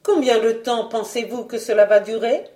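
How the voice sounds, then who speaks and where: A woman's voice: on the high side, normal speed, dark tone, roomy sound, lightly acted. A woman voicing an elegant, scheming female villain in a storybook reading, speaking in a dry, implacable, ironic way. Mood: icy.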